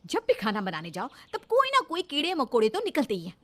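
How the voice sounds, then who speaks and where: A woman's voice: high-pitched, huge pitch swings, a little fast, a bit bright, full character voice. A woman voicing an exasperated young daughter-in-law who complains in a cartoon story. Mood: complaining.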